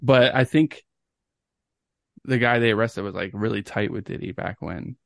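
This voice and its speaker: With a gravelly, lowish voice and a moderate pace, this young podcast co-host chats casually, swears offhandedly, and tells stories enthusiastically. The studio sound is clean and dry.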